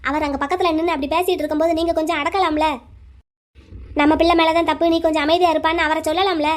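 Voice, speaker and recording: A sarcastic sister-in-law. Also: female voice, extremely high pitch, level tone, fast talker. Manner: sarcastic, blunt. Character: sharp-tongued married elder sister-in-law. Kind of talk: cartoon voice acting.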